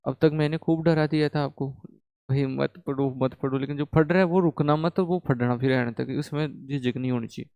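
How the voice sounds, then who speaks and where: A young man teaching a math class, talking lively and often checking with his students. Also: mid-range voice, a little fast, dry recording. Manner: animated, repeats "ठीक है?" to check the class. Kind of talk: classroom lecture.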